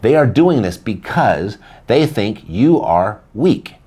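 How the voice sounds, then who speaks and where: A man's voice: fairly low pitch, very animated, takes it slowly, warm tone, slightly rough. A man hosting a scripted video essay, narrating in a sardonic, dramatic and emphatic manner. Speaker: host.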